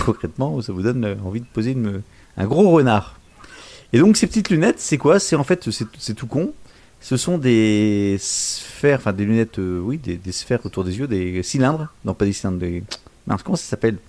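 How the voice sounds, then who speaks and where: A man's voice: mid-range voice, warm tone. A man co-hosting a casual tech news podcast, joking and searching for words as he goes. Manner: joking, hunts for words mid-sentence. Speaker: podcast co-host.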